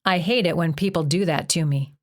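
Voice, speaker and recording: A woman's voice: low-pitched, fairly quick, lightly acted. A woman reading as a touchy teenage boy. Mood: indignant.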